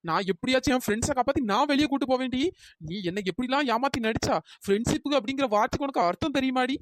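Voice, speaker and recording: A woman's voice: high voice, rapid-fire, no room sound, close to an everyday voice. A woman voicing a bold, quarrelsome young village woman in a cartoon. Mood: defiant. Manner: loud, quarrelsome, defiant. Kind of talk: cartoon storytelling.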